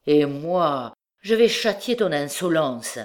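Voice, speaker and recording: A woman voicing a young man, a devoted and quick-tempered son, speaking in a raised, vehement voice in an audiobook. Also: low-pitched, animated. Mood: angry. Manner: pleading then vehement, raised voice.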